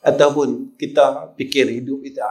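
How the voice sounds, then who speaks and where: The voice is medium-pitched and darkish, with little pitch movement and a normal speed. It belongs to an older man with a Kedah Malay accent, who tells stories in his sermon and often turns to address the congregation as sirs.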